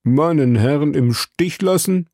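A man's voice: on the high side, slow pace, darkish tone, dry recording, studio quality, voice pushed up. A man voicing a loyal, devoted male servant, exhausted and speaking with strained, breathless pleading.

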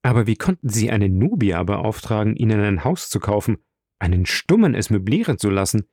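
A man reading the part of a lively, teasing young nobleman with animated, exclaiming lines in an audiobook. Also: fairly low pitch, fairly quick, no echo, clean studio sound.

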